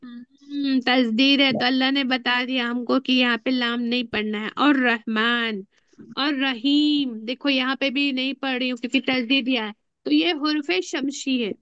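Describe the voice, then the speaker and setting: A high-pitched woman leads an Arabic grammar lesson, stopping often to ask her students questions and repeating key terms slowly. The recording is dry and a little dull. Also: fairly even intonation, fairly bright tone, no room sound. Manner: asks the class frequent check questions, repeats key words slowly. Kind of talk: classroom lesson explaining rules with questions to students.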